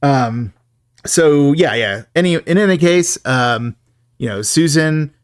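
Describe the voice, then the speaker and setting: A man's voice: fairly high pitch, expressive, takes it slowly, smooth, dry recording, studio quality. A man co-hosting a podcast, recapping a film in a chatty, joking way and laughing often. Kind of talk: casual chat.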